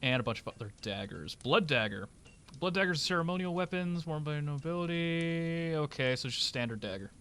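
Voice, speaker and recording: A man's voice: a little high, animated, a little fast, bright, forceful tone, a little hiss or hum. A man giving sarcastic, joking commentary as he plays a game live. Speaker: streamer.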